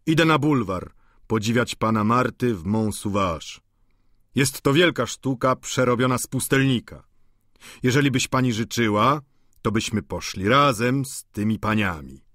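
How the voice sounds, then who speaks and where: A man's voice: medium pitch, lively intonation, normal speed, fairly bright tone, no room sound, clean studio sound, natural voice. Man playing a jovial teasing lodger. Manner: hearty, teasing, playful. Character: jovial boisterous middle-aged male lodger.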